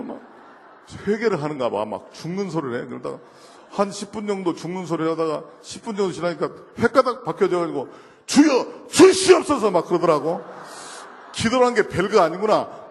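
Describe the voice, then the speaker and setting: This guest preacher from South Korea shares a spirited church testimony at a fairly quick pace, his voice sitting high. He laughs and performs quoted lines in his stories, going from murmurs to shouts. A long reverb tail follows his words.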